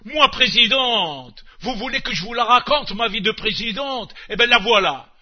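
A man's voice: very high-pitched, animated, moderate pace. A man voicing an exasperated middle-aged housewife with a North African French accent, rattling off long lists of chores and dishes. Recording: muffled old radio recording.

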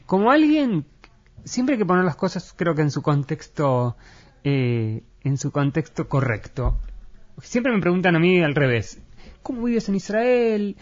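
A man's voice: fairly high pitch, very animated, unhurried. A man from Argentina with an Argentine accent, explaining politics in an interview, hesitating often with fillers and restarts. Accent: Argentine Spanish. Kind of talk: analytical interview talk. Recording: muffled lo-fi recording.

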